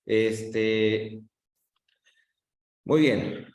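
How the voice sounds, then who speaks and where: A man's voice: fairly low pitch, steady tone, a little mellow. A man teaching an online class, drawing out words to show the stressed syllable and often checking in with "¿sí?". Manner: drawn-out demonstrations of stress, frequent checks with "¿sí?". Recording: roomy echo.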